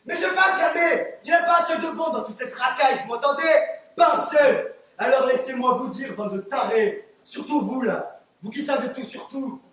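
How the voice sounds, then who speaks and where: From far off in an echoey theatre, a distant room mic picks up a teenage student actor in a live amateur stage play. His very high-pitched voice rants and shouts at normal speed as he plays a crude, hot-headed, bigoted male juror.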